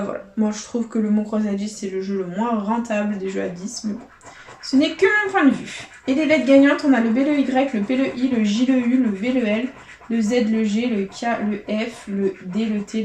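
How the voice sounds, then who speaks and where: A woman's voice: mid-range voice, fairly even intonation, normal speed, mellow. A woman vlogger giving casual running commentary as she scratches lottery tickets, chatting to her viewers like friends. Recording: echoey room with faint noise.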